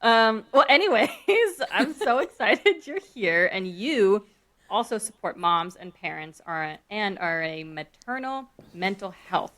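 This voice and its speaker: A woman's voice: mid-range voice, very animated, measured pace, a bit bright. A woman from the United States, hosting a podcast interview in an upbeat, enthusiastic way. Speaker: podcast host, maternity leave coach.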